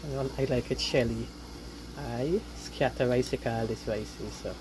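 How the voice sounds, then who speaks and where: This woman vlogs while cooking at home, speaking with a Guyanese accent and a rumbling low voice at normal speed, her tone steady. She talks casually to her viewers and tends to repeat herself. The sound comes from a handheld phone camera and is noisy, with sizzling from the pan.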